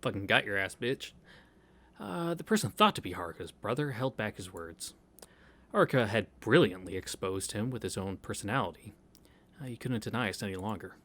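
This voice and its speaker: A streamer reads a visual novel aloud, casually dropping irreverent, crude wisecracks as he goes. His voice sits on the low side, with a fairly bright tone, an animated delivery and a fairly quick pace.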